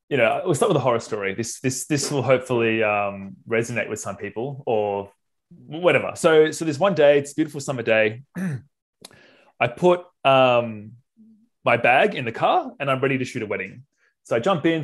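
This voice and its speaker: Aussie bloke telling a story on a podcast, clears his throat a lot, acts out the quotes. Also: medium pitch. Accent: Australian. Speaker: photography software co-founder and wedding photographer. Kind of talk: casual storytelling.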